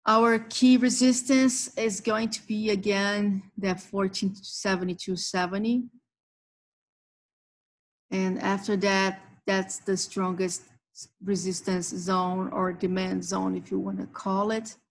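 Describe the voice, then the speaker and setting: A woman's voice: medium pitch, level tone, slow, rough recording. A woman hosting a live trading session, walking members through chart levels and price zones. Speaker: trading stream host.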